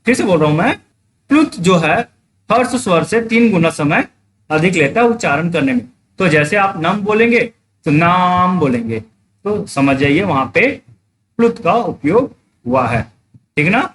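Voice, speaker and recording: A man's voice: high-pitched, lively intonation, normal speed, a little hiss or hum. A man teaching a live exam-prep class online, explaining step by step, repeating key points and checking that students follow.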